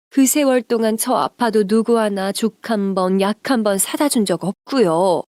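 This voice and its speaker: A woman's voice: fairly high pitch, a little mellow, no echo, studio quality. A woman voicing a long-suffering middle-aged mother who protests the years of unfair treatment she has endured. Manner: pleading, indignant.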